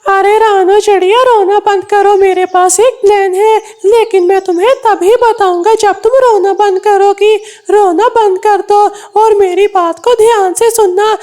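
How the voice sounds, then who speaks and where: A woman's voice: very high voice, fairly even intonation, measured pace, few pauses, a little mellow. A woman voicing a kind, helpful male parrot in a cartoon, speaking in a comforting, coaxing way.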